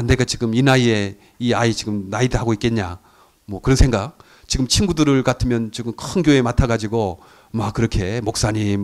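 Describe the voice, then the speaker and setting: A middle-aged male pastor preaching a sermon in an earnest way, his voice rising to emphatic peaks and then dropping soft. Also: mid-range voice.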